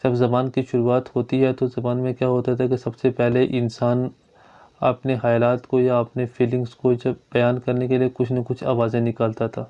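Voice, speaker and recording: A man's voice: medium pitch, completely flat delivery. A man teaching a grammar lesson. He explains step by step and repeats his points. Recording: dull lo-fi recording.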